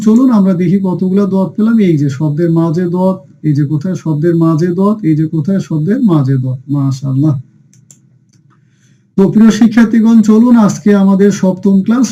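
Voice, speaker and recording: A man leads a lesson on Arabic letters, asking a question and then answering it himself with the same sound over and over. His voice sits high yet sounds mellow, and his manner is patient. The recording is dull and lo-fi. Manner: drills letters by call and answer, repeating each sound; patient, addresses dear students often. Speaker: Quran reading teacher.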